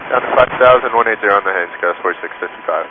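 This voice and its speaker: A man's voice: on the low side, racing. A man flying an airliner, giving clipped readbacks to controllers over the radio. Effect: pilot over the radio. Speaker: airline pilot. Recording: tinny noisy radio channel.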